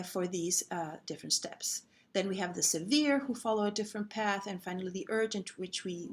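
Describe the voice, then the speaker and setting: A woman presenting an instructional walkthrough of a software model, speaking haltingly with pauses in the middle of sentences. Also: mid-range voice. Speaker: presenter explaining a simulation model.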